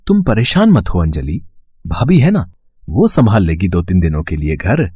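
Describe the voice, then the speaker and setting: A man voicing a caring young husband who speaks in a calm, reassuring way in a cartoon story. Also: low voice, normal speed, slightly rough, no echo, heavily acted. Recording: dull lo-fi sound.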